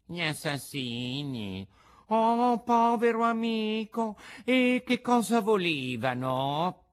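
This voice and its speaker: A man's voice: sits high, big pitch swings, pitched above the performer's own voice, exaggerated voice. A man doing a sly, drawling fox. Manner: drawn-out, sly, mock-sorrowful. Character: cunning, smooth-talking male fox, sly swindler. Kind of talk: storybook reading.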